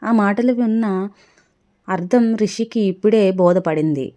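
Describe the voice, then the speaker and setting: Woman reading a family drama story out loud, soft mellow tone, does the dialogue too. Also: mid-range voice, unhurried. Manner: emotional, voices the characters' dialogue herself. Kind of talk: read-aloud story narration.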